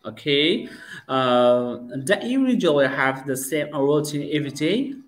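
A young man hosting a live English practice interview over a video call from a room at home, speaking haltingly with many fillers and repeatedly asking viewers to share. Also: on the high side, lively intonation, rough recording. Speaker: host and teacher. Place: home room with starry painted wall. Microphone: webcam on video call.

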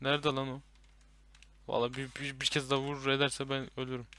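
Loud, bright-voiced young man gaming. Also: mid-range voice, monotone, quick pace, clean tone. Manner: loud, swearing, yelling at enemies. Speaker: gaming YouTuber. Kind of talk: co-op horror game commentary.

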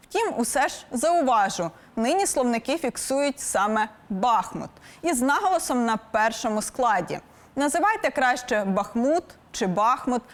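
A young woman philologist presenting a scripted educational lesson with a Ukrainian accent, clear and didactic with a light wry touch. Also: on the high side.

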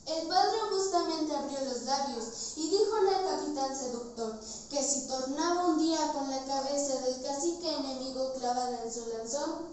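A teenage girl with a central Mexican accent performs a grand poetry declamation in a high voice. Her delivery is solemn and theatrical, projected across the room. She is recorded from a distance in a very echoey space. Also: darkish tone. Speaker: student reciter. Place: indoors, bare tiled-floor room. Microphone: far camera. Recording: distant mic, very echoey room, faint noise.

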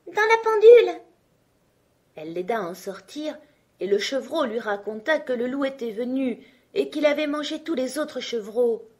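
A woman narrating a fairy tale for a children's audiobook, in an expressive, clear storytelling way. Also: mid-range voice.

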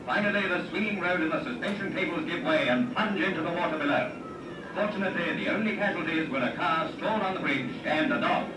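A man narrates an old newsreel with a dramatic announcer's delivery and a high-pitched voice. The old soundtrack is played back from a distance, so he sounds echoey and far from the mic, with loud music running under him. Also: fast talker. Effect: old newsreel soundtrack played back in a classroom.

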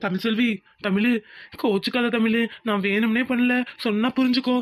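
A woman's voice: fairly high pitch, fairly even intonation, fairly quick, lightly acted. A woman voicing a young village husband who pleads earnestly with his wife and coaxes her. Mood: pleading. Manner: pleading, coaxing.

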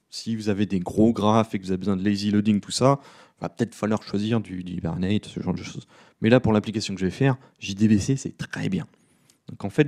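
A man speaks on stage while demoing code live. His voice sits a little low, and he talks in an easygoing, self-mocking way with frequent fillers. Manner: relaxed, self-deprecating, many fillers. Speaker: conference speaker. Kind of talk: live coding talk. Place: conference room.

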